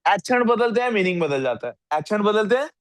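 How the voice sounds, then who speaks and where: A man's voice: sits high, very animated, quick pace, no room sound. A male teacher giving a classroom lecture and often asking his students questions. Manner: asks the class frequent questions, scolds sleepy students.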